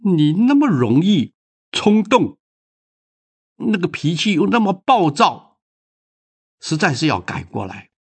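A man's voice: a little high, very animated, slow, long pauses, breathy edge, exaggerated voice. A man voicing a stern middle-aged father who firmly lectures his daughter in a storybook reading. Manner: lecturing, firm.

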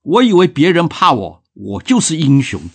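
A bold, hot-headed young strongman who barks his questions, played by a male storyteller. The voice is pitched a little higher than the teller's own and swings widely. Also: wildly swooping pitch, normal speed, heavily acted. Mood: remorseful. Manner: forceful, commanding speech.

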